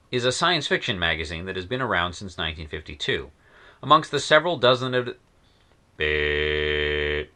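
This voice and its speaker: Speaking in a low-pitched voice that sounds pushed and bright, a man reads scripted narration in a period persona, reviewing old science fiction stories with wry enthusiasm and sardonic asides.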